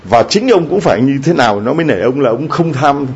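A man's voice: medium pitch, lively intonation, a little fast, vocal fry, slightly rough. Priest guy preaching, chatty, keeps asking the crowd questions, kinda dull lo-fi sound. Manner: conversational preaching with frequent rhetorical questions to the congregation. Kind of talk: sermon. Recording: slightly dull lo-fi recording with faint background noise.

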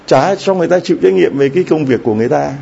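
Warm-voiced priest preaching. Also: male voice, fairly high pitch, very fast, creaky, breathy edge. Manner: conversational preaching with frequent rhetorical questions to the congregation. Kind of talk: sermon. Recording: slightly dull lo-fi recording with faint background noise.

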